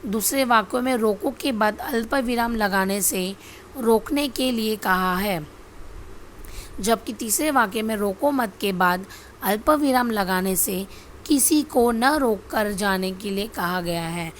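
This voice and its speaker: A woman's voice: medium pitch, unhurried, slight background noise. A woman teaching a grammar lesson over slides, repeating herself and asking questions she answers herself. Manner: repetitive, asks rhetorical questions and answers them.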